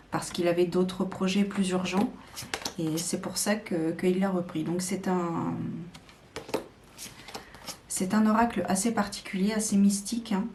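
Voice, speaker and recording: A woman's voice: on the low side, a little mellow, a little hiss or hum. A woman showing tarot decks to camera in a casual, hesitant chat full of fillers and restarts. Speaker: tarot video creator.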